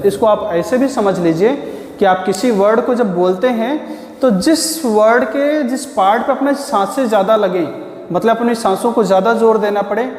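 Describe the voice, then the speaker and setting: A man's voice: sits high, a little mellow. A man lectures like a patient schoolteacher, calling his listeners children. He keeps posing a question and then answering it himself. The room is roomy, with a long reverb trailing after his words. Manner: asks the class questions, then answers them. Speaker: teacher. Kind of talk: classroom-style lecture.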